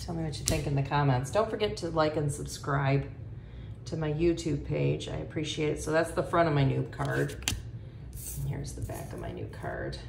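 Filmed on the phone she carries, a realtor from Florida chats her way through an empty condo, upbeat and filler-heavy. She has a low, sing-song voice at a moderate pace, creaky and slightly mellow, while the bare rooms echo amid background noise.

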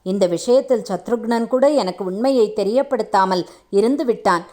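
A woman's voice: mid-range voice, moderate pace, darkish tone, natural voice. A woman reading as a proud, stern king. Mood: commanding. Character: stern proud male king, weary and wounded.

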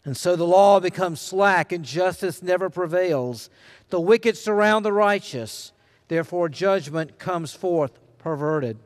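A man reading a scripture passage aloud during worship in a large church sanctuary, steady and deliberate. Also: high-pitched. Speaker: scripture reader. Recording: long reverb of a large sanctuary.

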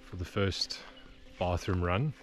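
Deep-voiced relaxed Australian man outdoors. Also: slow pace, faint music behind. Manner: relaxed, easygoing, with frequent fillers. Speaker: camping vlogger. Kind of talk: casual vlog narration. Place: outdoor bush campsite. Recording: outdoor recording with insect noise. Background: insects and crickets in the bush.

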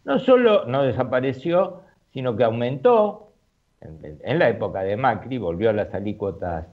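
A man's voice: mid-range voice, highs cut off. A man with an Argentine accent giving critical radio commentary on the economy, with many fillers and restarts. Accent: Argentine Spanish.

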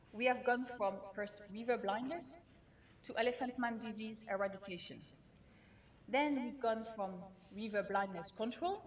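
A woman whose first language is not English, giving a conference keynote in a measured way, with frequent fillers and restarts. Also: mid-range voice. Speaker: keynote speaker.

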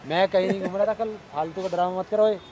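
A young man playing a boyfriend in a comedy skit who argues defensively and scolds in rough slang, outdoors on a city street. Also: high-pitched, steady tone, quick pace, a crowd in the background. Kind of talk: acted street skit argument.

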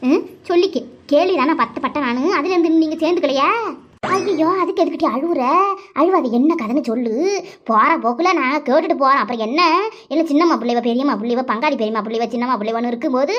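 A woman's voice: high voice, natural voice. Cartoon village aunt, sarcastic and nagging, voiced by a woman, dull lo-fi sound. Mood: prying. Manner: nagging, sarcastic, drawn-out complaints. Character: sharp-tongued gossiping middle-aged village aunt. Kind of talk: cartoon voice acting. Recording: dull lo-fi recording.

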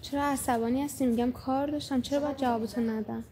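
Woman playing a flustered young woman on a call, defensive, high voice, people around. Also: fairly even intonation, crowd noise, natural voice. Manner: defensive, pleading.

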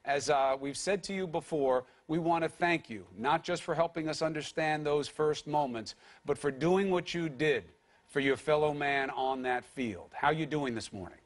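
A man anchoring a morning news show, with measured, earnest delivery. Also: on the high side.

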